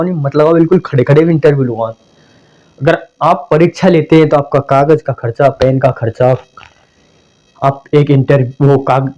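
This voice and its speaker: A man's voice: fairly high pitch, mellow. Man teaching in a dull recording. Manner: conversational, repeats points, acts out phrasings to show meaning. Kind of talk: explanatory lesson.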